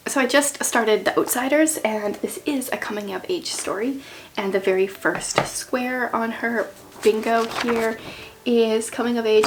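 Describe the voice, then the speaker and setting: A woman in her thirties chatting casually about books, her voice rough and strained, rambling with many fillers. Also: medium pitch, a little hiss or hum, rough recording. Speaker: book vlogger. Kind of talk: casual chat.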